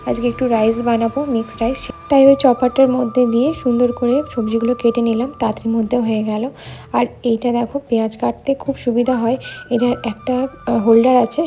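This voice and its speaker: A woman with a hoarse voice narrates her cooking vlog from her home kitchen and chats straight to her viewers. Her voice sits on the high side but stays level and even, with a mellow, dark colour. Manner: chatty, talks straight to viewers. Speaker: vlogger.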